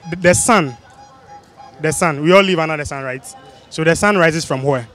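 A man's voice: on the high side, normal speed, fairly bright tone, soft background music. A young man with a West African, Ghanaian accent, putting quiz questions to people as a street interviewer. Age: young adult. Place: busy outdoor spot under a city flyover. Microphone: handheld microphone.

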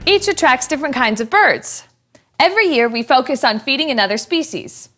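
A young woman playing a curious, cheerful student, reading aloud clearly and expressively in a scripted educational show. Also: high voice, expressive, a little fast, a bit bright, faint music behind. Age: young adult.

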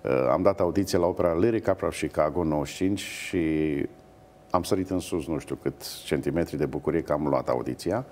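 A middle-aged man, an opera singer, telling stories with hesitations in a TV interview. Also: very deep voice. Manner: animated anecdotes with hesitations. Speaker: guest, opera bass-baritone. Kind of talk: storytelling in a TV interview.

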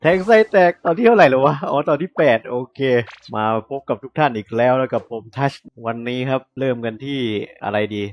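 A young man hosting a game let's play, chatting excitedly to viewers and laughing at his own mispronunciations. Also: medium pitch. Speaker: gaming channel host. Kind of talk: Terraria let's play commentary.

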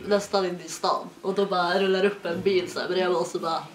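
A woman's voice: on the low side, fairly even intonation. A young woman joining a friend's story with short replies and frequent laughter in casual chat. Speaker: guest friend. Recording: echoey room.

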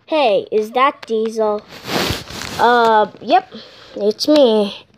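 A woman voicing a sulky male villain toy engine in a slightly lower, muttered voice. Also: very slow, slight background noise, poor audio. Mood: guilty.

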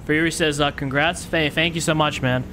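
A man's voice: on the high side, fairly even intonation, moderate pace, noisy background. Chatty joking gaming streamer man. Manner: chatty, joking, stumbles and restarts. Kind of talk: casual gaming chat with teammates.

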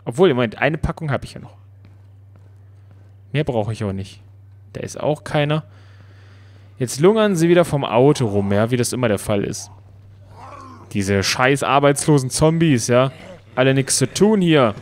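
Male Let's Play commentator, playful and chatty, mid-pitched voice. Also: moderate pace, long pauses, a little hiss or hum. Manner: playful, excitable, talks to the game. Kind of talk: casual gameplay commentary.

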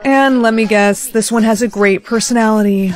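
A high, bright text-to-speech woman's voice reads a storytime tale. She takes every part in turn with a quick, flat, synthetic delivery.

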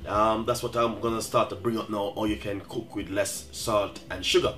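On his cooking channel, a middle-aged Jamaican man with a Jamaican accent demonstrates a recipe and keeps calling out to viewers, leaning on "guys" and "you know what I mean." His voice is on the low side and fairly bright, with fairly even intonation and a moderate pace.

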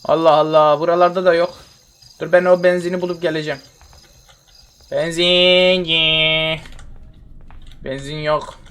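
A man's voice: on the high side, level tone, measured pace, long pauses, a bit bright, clear, resonant tone. A young man giving casual, exasperated commentary while playing a horror game, repeating himself and muttering complaints. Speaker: gamer streaming a horror game.

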